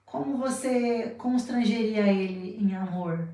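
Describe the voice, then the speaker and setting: A woman's voice: mid-range voice, slow pace, mellow, reverberant, recorded from a distance. A woman hosting a podcast in casual chat, asking questions and giving brief encouraging replies. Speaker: podcast host.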